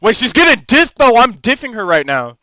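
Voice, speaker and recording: A young man doing casual gaming commentary as a streamer, with slangy, sweary frat-bro banter and excitable outbursts. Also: extremely high pitch, a little fast, dry recording. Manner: excitable, bursts into shouts. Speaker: game streamer. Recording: slightly dull lo-fi streaming audio.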